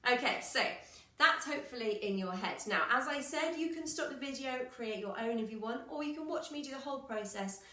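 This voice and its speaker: A woman's voice: a little high, expressive, brisk, sharp tone, reverberant. A woman music teacher giving a patient, encouraging recorder lesson, counting aloud and singing examples.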